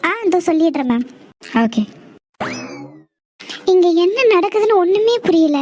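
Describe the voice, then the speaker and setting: A woman's voice: extremely high pitch, animated, unhurried, warm tone, faint music behind. A woman doing a puzzled young office assistant. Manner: puzzled, polite. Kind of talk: cartoon voice acting.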